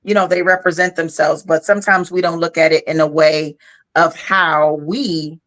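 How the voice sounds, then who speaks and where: A woman's voice: low-pitched, fairly even intonation, normal speed, fairly bright tone. Tired, frank woman co-hosting a podcast. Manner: frank, talkative, peppered with "you know". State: tired, yawning. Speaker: podcast co-host. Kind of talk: casual chat.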